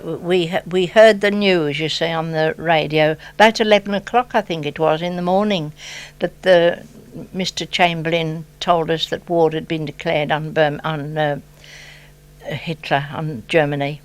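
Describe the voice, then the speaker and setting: A woman's voice: low-pitched, steady tone, unhurried, smooth. An older woman from the Birmingham area, recalling the past in an oral history interview in a chatty storytelling way. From England, Birmingham area. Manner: chatty, warm storytelling with re-enacted dialogue.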